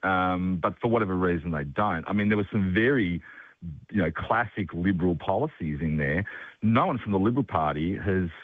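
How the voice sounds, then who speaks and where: On talk radio, a male political consultant offers analysis over a tinny phone line, hesitant and full of fillers and restarts. His voice sits low and fairly quick, and the recording is dry.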